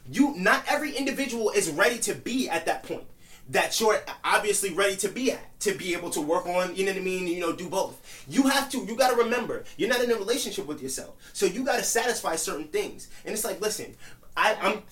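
A man's voice: sits high, expressive, quick pace, a bit bright, distant mic. A man co-hosting a casual podcast discussion, making his point earnestly and circling back over his own phrases. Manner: earnest, repeats phrases while building a point. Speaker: podcast co-host.

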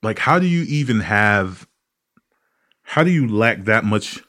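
A man rants through a casual podcast monologue, cursing freely and throwing himself into his stories. His voice sits on the low side, and his storytelling is animated and comedic. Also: measured pace. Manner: profane, ranting, animated storytelling. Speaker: podcast host.

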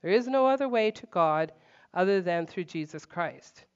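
A woman leads a casual Bible teaching at home, her voice smooth and clear. She speaks conversationally, full of fillers, and hits her points firmly. The recording is dull and lo-fi. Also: on the low side, lively intonation, normal speed. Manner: conversational, emphatic, many fillers.

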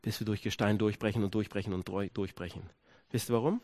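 A male pastor preaching a sermon, dropping to hushed low stretches, then rising into emphatic repeated questions. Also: fairly even intonation, fast, no echo.

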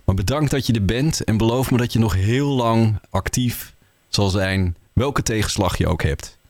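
A man's voice: lowish voice, normal speed, a little mellow, dry recording, clean studio sound. A male radio host interviewing a guest, admiring and slightly formal.

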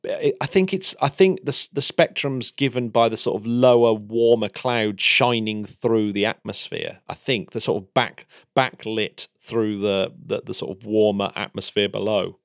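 A man's voice: fairly low pitch, normal speed, creaky, hardly any pauses, dry recording, clean studio sound. A man in a casual science chat, hesitant and hedging, with many restarts. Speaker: podcast co-host.

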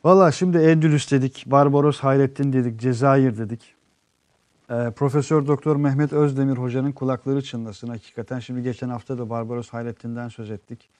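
Dark-voiced man, earnest co-host. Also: mid-range voice, steady tone, no echo. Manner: earnest, explanatory, trails off with drawn-out fillers. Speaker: co-host reading viewer comments. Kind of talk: casual live-stream chat.

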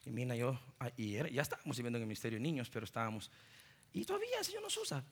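Very animated and rapid-fire, with a breathy edge, a middle-aged Guatemalan man preaches as a pastor in a Guatemalan Spanish accent. He tells stories that move from loud preaching down to soft, low asides.

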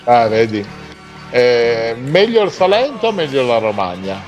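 A man hosting a radio show in casual, teasing chat, talking in halting phrases and adding little tag questions. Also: medium pitch, very animated, music in the background.

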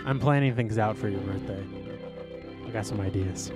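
Over loud music, a young man with a fairly low voice co-hosts a podcast at a moderate pace, chatting casually and rambling with plenty of fillers and swearing. He sounds animated, meandering, and full of curse words.

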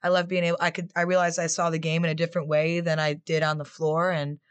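A woman's voice: deep voice, fast talker, clean tone. Chatty young woman telling team stories. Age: 20s. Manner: chatty, animated storytelling with quoted voices. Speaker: former player and assistant coach, guest. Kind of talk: casual interview answers.

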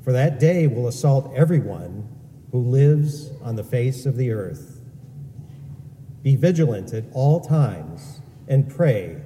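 A man solemnly proclaiming a Gospel reading at Mass in a large church, with a slow and measured delivery and a cathedral-like echo around his voice. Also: medium pitch, mellow, a little hiss or hum. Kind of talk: solemn liturgical scripture reading. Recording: long church reverb, distant mic, faint ambience.

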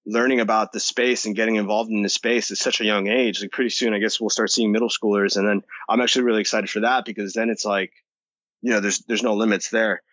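An eager young American man chats as a podcast guest, piling his sentences with casual fillers. His voice sits on the low side, and the muffled recording sounds dry and close. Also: level tone, fast, a bit bright, dry recording. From United States. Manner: enthusiastic, talkative, many "like" fillers. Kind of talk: casual interview talk.

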